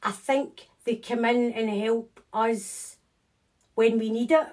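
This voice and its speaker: Chatty Scottish woman, a little high. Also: steady tone, takes it slowly, darkish tone. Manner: chatty, reassuring, with frequent restarts. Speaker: psychic medium guest. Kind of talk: casual conversational interview.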